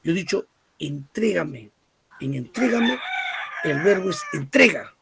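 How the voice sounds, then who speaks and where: A man's voice: fairly high pitch, lively intonation, moderate pace, creaky, noisy background. A man teaching a grammar lesson, who asks questions, answers them himself and repeats word lists.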